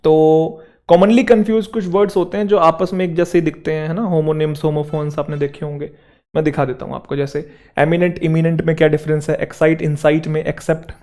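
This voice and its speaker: A man's voice: on the high side, flat delivery, quick pace, darkish tone. A man, teaching an English vocabulary lesson for exam students in Hindi mixed with English words, checking that his students follow along.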